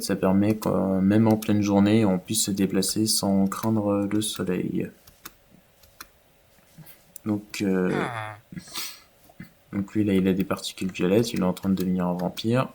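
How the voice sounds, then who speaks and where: A man's voice: sits low, vocal fry, mellow. A man giving casual, rambling commentary over his own video game play, with many fillers. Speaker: gaming YouTuber.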